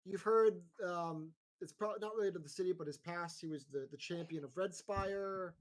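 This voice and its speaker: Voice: medium pitch, fairly quick. A game master narrating a tabletop game in a casual, rambling way full of fillers.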